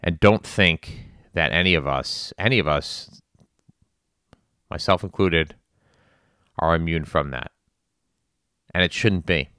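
Male, very low and clear voice, earnest commentary delivered in halting, emphatic phrases. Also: sharp tone, no room sound, studio quality. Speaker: spin class instructor. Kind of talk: earnest monologue on current events.

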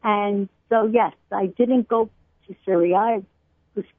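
A middle-aged woman from Brooklyn, a cookbook author explaining food customs at length with many pauses and fillers, calling in to a radio interview. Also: mid-range voice, steady tone, no echo. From Brooklyn, USA. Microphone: telephone. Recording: tinny phone line, dry.

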